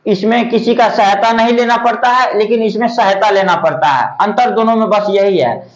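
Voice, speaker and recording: Guy teaching grammar, keeps asking "what do we call it", dull muffled audio. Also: high-pitched. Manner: repeats rhetorical questions, slow drawn-out letter sounds. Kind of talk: classroom-style explanation. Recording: echoey room, dull lo-fi audio.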